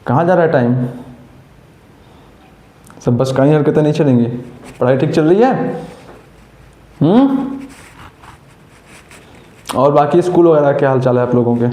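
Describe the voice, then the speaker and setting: Male coaching teacher, warm higher voice, roomy echo, scolds and motivates. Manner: scolding and coaxing students with rhetorical questions. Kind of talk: motivational classroom talk.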